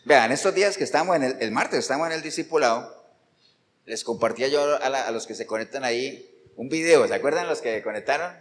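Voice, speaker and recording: A man preaching a Sunday sermon, who keeps asking the congregation questions and answering them with sudden emphatic jumps. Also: a little high. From Colombia. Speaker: pastor. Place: church sanctuary. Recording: church hall reverb, faint background noise.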